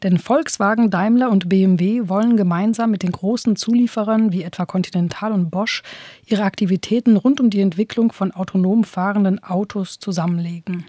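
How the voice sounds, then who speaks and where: A woman hosting a talk podcast, presenting the topic and questioning her co-host in a clear, measured way. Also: medium pitch, dark tone, no room sound. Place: studio.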